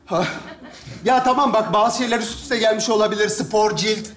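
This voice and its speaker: A man's voice: high voice, a bit bright. An actor playing a flustered husband who keeps insisting he is not cheating, in a live stage sketch. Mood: defensive pleading. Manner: rushed, defensive, pleading. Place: theater stage with live audience. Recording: echoey stage, audience noise.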